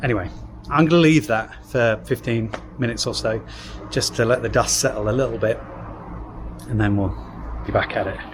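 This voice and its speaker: A man casually explaining his house renovation, thinking aloud with a rambling, unhurried manner. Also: medium pitch. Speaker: home renovation vlogger. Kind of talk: casual vlog commentary. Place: indoor house under renovation.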